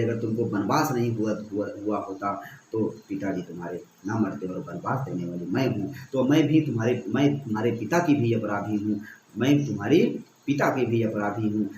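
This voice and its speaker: A man's voice: on the low side, a little mellow, reverberant, a little hiss or hum, low-quality recording. A male teacher reading lines of a Hindi poem aloud and explaining each one, repeating phrases as he goes. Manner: reads verse lines then paraphrases them, repeating phrases.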